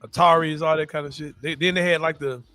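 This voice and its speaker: A man's voice: fairly high pitch, fairly even intonation, fast talker, pushed and bright, no echo. A man hosting a casual podcast, talking in loose slang, laughing often and leaning on "bro" for emphasis. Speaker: podcast host. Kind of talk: casual sports and pop culture chat.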